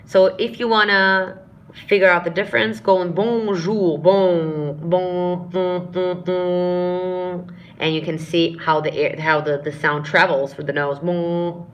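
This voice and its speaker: A woman vocal coach leads a live-streamed singing lesson, explaining technique, answering viewer questions, and demonstrating sounds and short sung phrases herself. She warmly calls viewers friends and dears. Her lowish voice is steady and slow, on a muffled recording with slight background noise.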